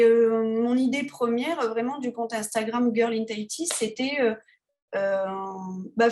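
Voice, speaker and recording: A woman's voice: a little high, a little mellow. A woman photographer talking casually as an interview guest, hesitant, with many fillers and restarts. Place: Tahiti.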